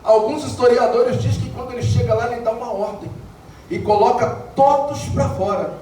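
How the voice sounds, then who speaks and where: A Brazilian man preaching an evangelical sermon, building to shouted, sung climaxes. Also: very high voice, steady tone, brisk, recorded from a distance, a little hiss or hum. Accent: Brazilian Portuguese. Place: church. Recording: echoey church hall heard from afar, music behind.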